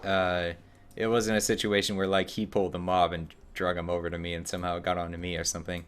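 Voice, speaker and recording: A man's voice: sits low, level tone, fast, a bit bright, smooth. A man streaming a game, chatting casually about it and reading chat, rambling and self-mocking. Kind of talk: casual gameplay commentary.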